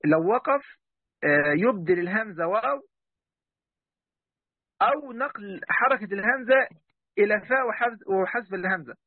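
A man's voice: sits high, lively intonation, normal speed, long pauses, no echo, narrow, tinny audio. A man with an Egyptian accent teaching an online class as a sheikh, reading passages aloud and explaining them in a chatty way, talking straight to his students. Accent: Egyptian Arabic. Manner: chatty, talks straight to his students, breaks off mid-word.

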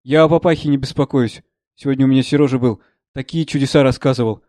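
Earnest, brooding young man in a read play, voiced by a man, plain low-key delivery, dry close mic. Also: fairly even intonation, fast, a little mellow, no echo, close to an everyday voice.

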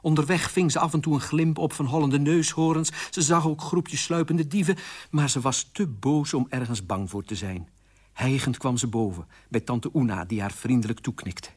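A man reading a fairy tale aloud on radio with lively, expressive storytelling. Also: mid-range voice, moderate pace, husky.

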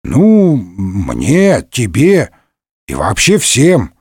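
A man voicing a big, weepy middle-aged musketeer in a comic audiobook, wailing and lamenting in slow, drawn-out complaints. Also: medium pitch, wildly swooping pitch, darkish tone, breathy edge, no room sound, clean studio sound, full character voice.

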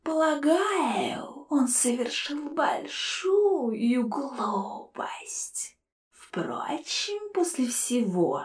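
A woman voicing a mocking male ghost skull trapped in a jar, in a slow, hissing whispered role-play. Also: high-pitched, reverberant, recorded from a distance, voice pushed up, full character voice. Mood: taunting.

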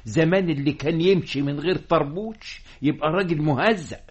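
An actor playing a stern, domineering middle-aged fez-maker father, speaking with an Egyptian accent in a radio drama, his voice a little husky. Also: fairly high pitch, brisk. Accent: Egyptian Arabic. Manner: domineering, blustering.

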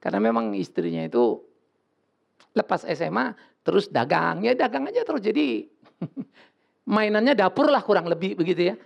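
Gravelly-voiced male pastor preaching bluntly. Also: high-pitched, sing-song, moderate pace, long pauses. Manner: blunt, joking, colloquial preaching. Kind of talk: sermon.

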